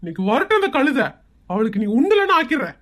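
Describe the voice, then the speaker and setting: A woman's voice: sits high, sing-song, quick pace, fairly bright tone. A woman doing a harried placating husband. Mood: pleading. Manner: pleading and soothing. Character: harried middle-aged husband and son, placating. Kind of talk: cartoon skit voice acting.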